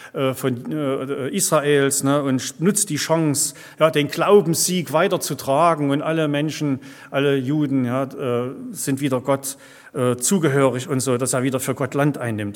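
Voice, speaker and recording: Preacher in a reverberant church hall. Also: male voice, fairly high pitch. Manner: peppers speech with tag questions like "ja" and "ne". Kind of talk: conversational sermon. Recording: long reverb of a large hall.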